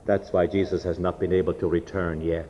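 A man preaching a sermon that is interpreted line by line, telling a story dramatically and swelling loud, then dropping soft. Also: low voice, level tone, slight background noise. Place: church hall. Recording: muffled sound in a reverberant hall.

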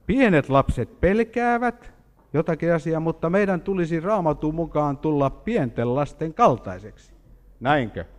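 Man preaching, animated storytelling, lively up-and-down voice, echoing hall. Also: a little high. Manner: animated storytelling with questions to the congregation. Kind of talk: sermon. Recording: hall reverb.

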